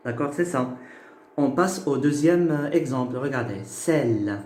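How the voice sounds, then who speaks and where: A man's voice: mid-range voice, lively intonation, darkish tone. A man teaching a phonetics lesson, explaining patiently and checking that listeners follow. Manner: slow, patient, checks in with "ok?" and "d'accord?". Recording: echoey room.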